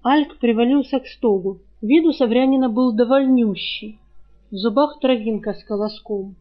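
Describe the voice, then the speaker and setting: A woman narrates an audiobook in an even storytelling manner. Her voice sits a little high, and the recording sounds dull and lo-fi. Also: moderate pace. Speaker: audiobook reader. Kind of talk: scripted narration.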